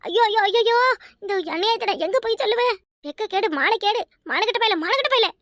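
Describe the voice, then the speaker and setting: A woman voicing a loud, fussing village grandmother and a young wife in a cartoon, with a high, wailing, scolding way of talking. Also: lively intonation, quick pace, no room sound, clean studio sound. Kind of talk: cartoon voice acting.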